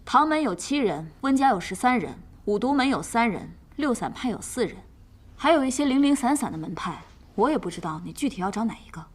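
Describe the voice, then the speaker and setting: An actress playing the sharp, self-assured female head of an information network, briefing others. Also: fairly high pitch, big pitch swings, fairly quick, breathy edge. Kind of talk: period drama acting.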